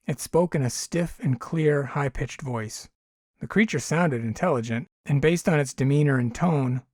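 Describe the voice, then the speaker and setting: A man narrating his own short story as an audiobook, in a measured storytelling delivery. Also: medium pitch, a little mellow, no room sound, studio quality.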